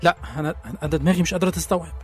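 A man's voice: on the high side, little pitch movement, rapid-fire, darkish tone, faint music behind, natural voice. A man with an Egyptian accent playing a young businessman who stammers in disbelief. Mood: shocked. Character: shocked young businessman betrayed by colleagues. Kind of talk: radio drama acting.

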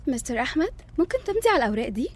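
A woman's voice: high voice, very animated, rapid-fire, a little hiss or hum. A woman with an Egyptian accent playing a chirpy office secretary in a radio serial. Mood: amused.

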